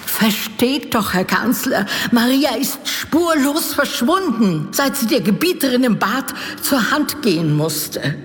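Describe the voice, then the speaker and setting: An actress playing a devoted, superstitious castle nurse, imploring and solemn in archaic speech, in a gothic audio drama. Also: female voice, on the high side, lively intonation, slow, hardly any pauses. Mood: worried, insistent. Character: fearful, pleading old-fashioned castle nurse, devoted and superstitious. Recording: long reverberant hall.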